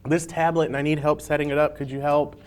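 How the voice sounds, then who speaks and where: A man who works at a library information desk hosts a casual, jokey interview during a hot sauce challenge, using informal, colloquial phrasing. He talks fast in a voice on the high side with little pitch movement.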